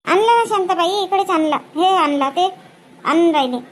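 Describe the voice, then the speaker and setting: Brief: a woman playing a bossy village wedding guest, shrill high voice, clipped nagging questions. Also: slight background noise. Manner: brisk, bossy, full of questioning "hm?" tags. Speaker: wedding guest in a comedy skit. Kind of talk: village comedy skit acting.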